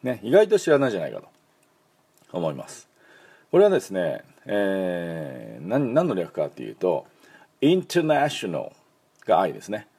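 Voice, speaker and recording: A man with a low, gravelly, slightly husky voice, giving an English pronunciation lesson. His pitch swings widely as he drills words and pauses on fillers. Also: wildly swooping pitch, dark tone. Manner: many fillers, repeats words for learners to copy. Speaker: English school principal and teacher.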